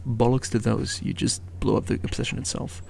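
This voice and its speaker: Gravelly-voiced male game commentator. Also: medium pitch, steady tone, a little fast, a little hiss or hum. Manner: analytical, chatty and joking. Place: event venue.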